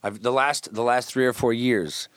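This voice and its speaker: A man's voice: mid-range voice, moderate pace, smooth, no room sound. A man talking as a guest musician in a casual interview, rambling and restarting as he tells stories. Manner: relaxed, rambling storyteller with many restarts.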